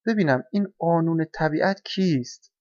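A man's voice: a little high, expressive, a bit bright, no room sound. A man voicing an anxious, thoughtful young stork in a storybook reading, speaking politely and with puzzlement. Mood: puzzled. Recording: dull, dry lo-fi recording.

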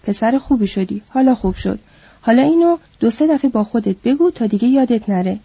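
Lady playing a gruff bossy farmhand guy, curt and impatient, dry close sound. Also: on the high side, animated, dark tone, no echo. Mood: scolding. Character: small sharp-tempered itinerant worker man, protective. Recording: dull lo-fi recording.

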